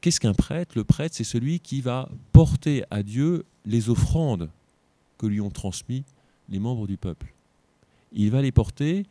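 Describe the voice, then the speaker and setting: A man's voice: medium pitch, warm tone, dry recording. A tired man teaching an informal Bible lesson, reading scripture aloud and breaking off for joking asides.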